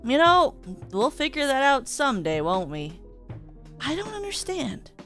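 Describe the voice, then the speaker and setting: A woman's voice: sits high, huge pitch swings, measured pace, fairly bright tone, soft background music. A young woman streaming casual chat, giggly and rambling, with frequent restarts.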